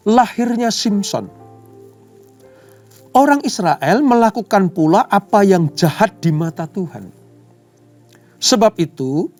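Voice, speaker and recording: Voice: medium pitch, darkish tone. A Bible study teacher reading and explaining scripture, often calling listeners "brother" and retelling the story with dramatic repetition.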